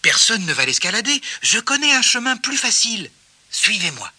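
A man doing a storybook rabbit in a raised, bright voice, calm and reassuring. The delivery is lively and sure of the way. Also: high voice, normal speed, husky, voice pushed up, heavily acted. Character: sensible helpful male rabbit. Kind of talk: storybook reading.

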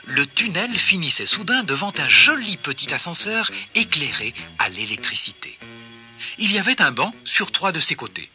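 A man reading a children's story aloud with expressive narration. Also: a little high, normal speed, soft background music. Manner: expressive, gently paced narration.

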